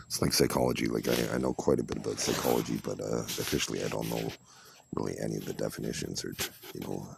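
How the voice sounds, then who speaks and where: Very deep gravelly man, rambling poker talk. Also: steady tone, quick pace. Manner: rambling, with frequent restarts and repeats. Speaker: online poker player and streamer. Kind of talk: casual commentary while playing. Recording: loud background noise and clicks.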